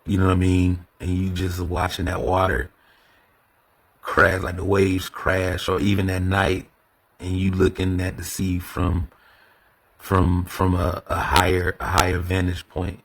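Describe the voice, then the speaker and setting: A man's voice: deep voice, completely flat delivery, a little slow, gravelly, fairly bright tone. A man hosting a solo podcast, talking in a loose, rambling way full of fillers and repeated words. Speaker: podcast host. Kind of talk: casual solo podcast monologue.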